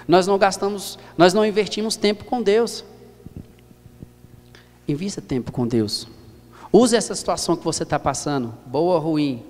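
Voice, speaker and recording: A man's voice: sits high, lively intonation, moderate pace, long pauses, darkish tone. A man in his thirties with a Brazilian Portuguese accent, preaching a sermon earnestly and repeating phrases for emphasis. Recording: long hall reverb.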